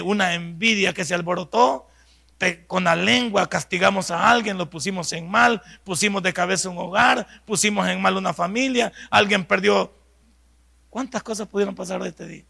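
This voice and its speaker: A man's voice: high-pitched, creaky, pushed and bright. A man, a pastor preaching a conversational Bible study sermon, full of rhetorical questions, who acts out prayers and talks with his children. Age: 50s.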